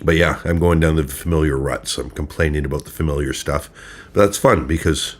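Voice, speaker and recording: Man, very deep voice, casual rambling, sarcastic, a bit tipsy. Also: fairly quick. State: drinking a little. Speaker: true crime livestream host. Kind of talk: casual live ramble commentary.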